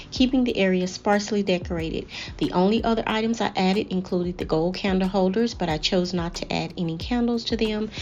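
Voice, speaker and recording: A woman narrates a home makeover as a scripted voice-over, with measured, deliberate phrasing. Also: lowish voice, a little mellow, highs cut off, a little hiss or hum. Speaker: home decor vlogger presenting a makeover. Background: background music.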